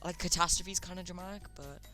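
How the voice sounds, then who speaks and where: Bright-voiced chatty streamer. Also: mid-range voice, brisk, soft background music. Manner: chatty, trips over words. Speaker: streamer hosting a chat game. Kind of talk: casual live-stream commentary.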